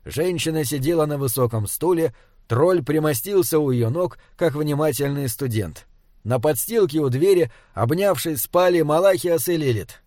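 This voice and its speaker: A man narrating a fantasy audiobook in a steady, even reading style. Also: on the high side, normal speed, no room sound, studio quality. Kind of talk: scripted narration.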